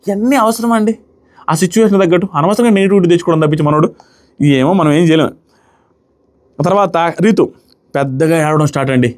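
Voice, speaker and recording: A man's voice: a little high, fast talker, long pauses, darkish tone. A man reviewing a reality show episode in a mocking, indignant commentary, acting out the crying he describes. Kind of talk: animated commentary.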